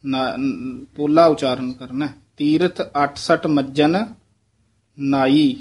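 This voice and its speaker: Male recitation teacher, slightly high voice, slow and deliberate, models phrases and corrects pauses. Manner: slow, careful modeling of phrasing, then quick explanatory asides.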